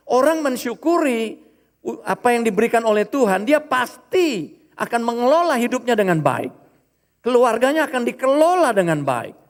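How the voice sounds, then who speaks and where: High-voiced man preaching a lively sermon. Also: in a large hall. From Indonesia. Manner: animated preaching, acting out quoted voices. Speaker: pastor. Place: church.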